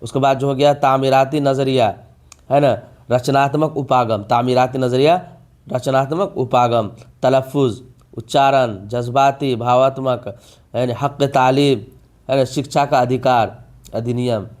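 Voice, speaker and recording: A man's voice: mid-range voice, steady tone, a little mellow. A man, teaching an exam-prep vocabulary lesson, repeating each term and asking rhetorical questions. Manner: drawn-out emphasis on key words.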